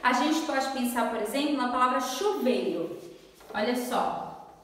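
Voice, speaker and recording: A Brazilian Portuguese-speaking woman teaching a lesson at the board, friendly and patient, drawing words out slowly as she spells them. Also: sits high, animated, fairly bright tone. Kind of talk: classroom lesson at a whiteboard. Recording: echoey room, voice from far off.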